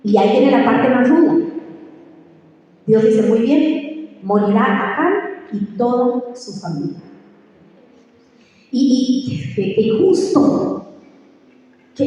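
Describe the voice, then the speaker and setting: Woman pastor, high voice, animated sermon, distant mic in an echoey church. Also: moderate pace, a little hiss or hum. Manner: animated storytelling preacher. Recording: echoey hall from far off, dull.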